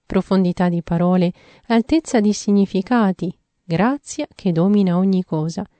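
A woman giving a measured, earnest reading of a devotional theological text. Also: medium pitch, warm tone, no room sound.

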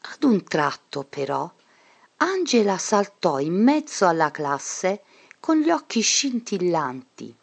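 Woman narrator, storytelling read, unhurried and low. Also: sing-song, creaky. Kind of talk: storytelling reading.

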